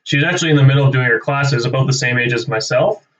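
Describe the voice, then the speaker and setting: Heard through a distant, slightly dull microphone, a young realtor from Canada speaks rapid-fire in a fairly bright, mid-range voice. He's casually rambling and thinking out loud on his live cold-calling stream, off the cuff, with "right?" capping his sentences.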